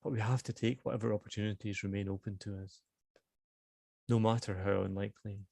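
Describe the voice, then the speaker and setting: A man's voice: on the low side, steady tone, a little fast, creaky, warm tone, no echo. Man reading as an uneasy young Scottish woman. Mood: urgent, uneasy. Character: anxious young woman, guild leader's niece.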